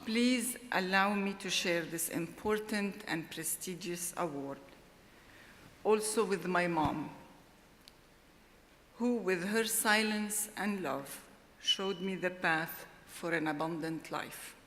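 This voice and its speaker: A middle-aged woman delivers a formal acceptance speech at a podium. She speaks at an unhurried, measured pace, weighing each heartfelt word. Her voice rings out with the long reverb of a large ceremony hall. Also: fairly low pitch, a bit bright, slight background noise. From Lebanon. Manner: slow, deliberate, heartfelt delivery. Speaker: award laureate.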